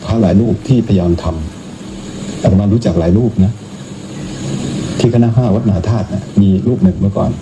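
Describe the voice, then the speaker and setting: A man's voice: on the low side, moderate pace, long pauses. A man who is a Buddhist monk, talking in a casual, teasing, joking way. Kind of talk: casual mocking commentary. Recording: clear background noise.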